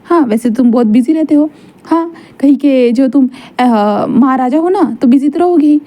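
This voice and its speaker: A woman voicing a sulking young man who scolds his lover with sarcastic, sharp remarks. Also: high-pitched, normal speed, natural voice.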